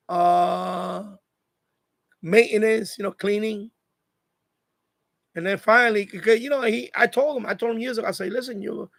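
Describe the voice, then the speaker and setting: A man in his fifties hosts a casual live chat monologue, giving advice and circling back over phrases to hammer points home. His high, slightly bright voice often breaks into a gravelly creak. The sound is close and dry, with no room sound.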